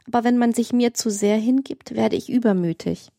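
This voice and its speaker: A woman voicing a calm, self-assured young woman in an audiobook love scene. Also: fairly high pitch, moderate pace, gravelly, dry recording, studio quality. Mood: measured. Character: cool composed young noblewoman.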